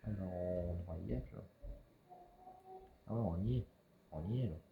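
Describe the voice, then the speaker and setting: A man's voice: low-pitched, normal speed, gravelly, phone-quality sound, slight background noise. A man casually commenting while playing a survival video game, muttering to himself, chuckling and talking to the creatures on screen. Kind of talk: casual let's-play commentary.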